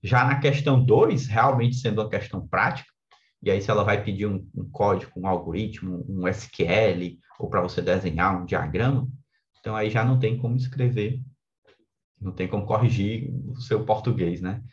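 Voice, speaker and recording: This exam coach, a man with a Brazilian accent, gives an informal explanatory lesson in a lowish voice at a moderate pace, and the sound is lo-fi. His style is conversational, with frequent tag questions checking that listeners agree.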